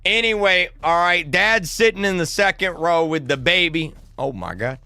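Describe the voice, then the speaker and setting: Hyped guy rambling through a story, bright sharp voice, dry close mic, kinda high. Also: normal speed, smooth, no room sound. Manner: excitable, slangy, lots of restarts. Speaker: streamer telling a story. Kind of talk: animated casual storytelling.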